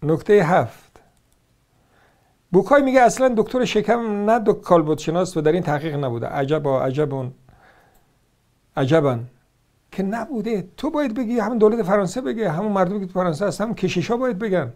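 A man whose voice sits high, with lively intonation and a darkish tone, speaks with an Iranian Persian accent. His religious commentary is argumentative, sarcastic, and combative, dismantling points individually through rapid rhetorical questions.

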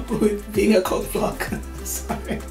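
A 24-year-old woman vlogger chats candidly to a camera on a tripod in a small indoor room, laughing often and using lots of fillers. Her medium-pitched voice is gravelly, and the audio is poor with a roomy sound.

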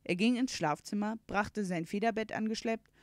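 A woman reading a children's storybook aloud in clear, even narration. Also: medium pitch, moderate pace, no room sound, studio quality. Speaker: audiobook reader.

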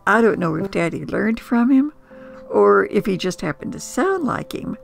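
Soft music plays behind an older American woman whose medium-pitched, gravelly voice has lively intonation. She shares nostalgic personal stories in a relaxed, conversational, reflective way, pausing as she goes.

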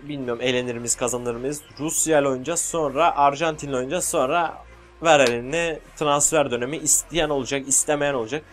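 Casting: excitable male gaming commentator, casual and jokey, faint music behind. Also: medium pitch, quick pace. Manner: excitable, shouts at goals, jokey. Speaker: gaming YouTuber.

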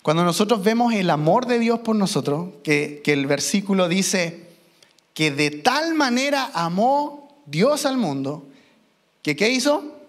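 A man, preaching a sermon as pastor, emphatic and slowing down for key phrases. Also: high-pitched, very animated. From Chile. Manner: emphatic, slows down for key phrases, mimics children. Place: church.

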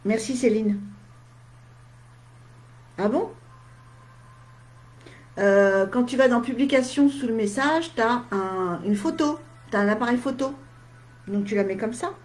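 A woman speaks casually to her live-stream audience, replying to their comments in short, chatty asides. She sounds tired, and a slight head cold leaves her voice faintly husky and dry. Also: on the high side, slow, long pauses, a little mellow. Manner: chatty, talks straight to viewers in short asides. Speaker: medium.

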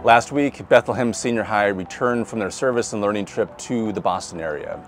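Loud music plays behind a fairly low, moderately paced male voice. The speaker is a pastor in his forties from Nebraska with a Midwestern American accent, delivering a conversational online sermon to a close camera outdoors beside a brick building. He chuckles and repeats words when restarting.

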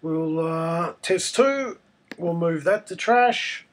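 A man, croaky and hoarse from a cold, narrating a casual step-by-step screencast tutorial. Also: on the high side, animated, slow pace. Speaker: tutorial presenter.

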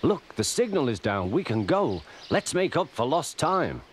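A man's voice: medium pitch, sing-song, measured pace, heavy background noise, pitched above the performer's own voice. A man voicing a kindly, reassuring male railway guard in a storybook tale. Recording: loud music behind.

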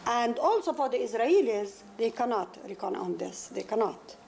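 A woman's voice: a little high, animated, moderate pace, vocal fry, darkish tone. A woman from Palestine, speaking English as a second language, answers interview questions earnestly, restarting and repeating words as she goes. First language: Arabic. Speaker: interviewee, novelist. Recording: 1991 interview tape with faint noise.

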